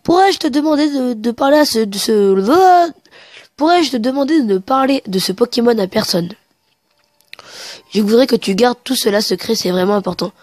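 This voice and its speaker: A higher-pitched woman chats her way through a video game, stumbling over words and reading the characters' lines aloud. She sounds sniffly from a cold, and her headset mic gives a dry, close sound with no room around it. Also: expressive, normal speed, darkish tone, no room sound. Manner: chatty, hesitant, reads in-game dialogue aloud. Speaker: let's play gamer. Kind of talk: casual game commentary.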